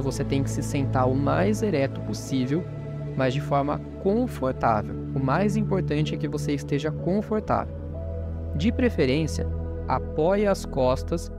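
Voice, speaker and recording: Male Brazilian meditation guide, slightly high-pitched, soothing and calm, with prominent new-age music behind. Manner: calm, soothing, unhurried guidance with pauses. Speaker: meditation guide and podcast host.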